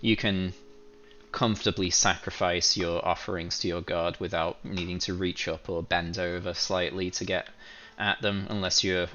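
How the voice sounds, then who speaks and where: A man's voice: low voice, little pitch movement, normal speed, pushed and bright, muffled recording. A man running a tabletop game as game master, casual and hesitant, with many fillers.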